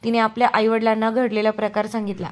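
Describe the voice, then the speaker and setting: Woman news reader, slightly high pitch; steady formal delivery. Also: quick pace. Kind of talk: scripted news narration.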